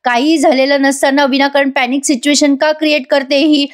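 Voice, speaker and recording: A woman's voice: high voice, little pitch movement, brisk, pitched above the performer's own voice, close to an everyday voice. A woman voicing an exasperated young husband. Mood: firm.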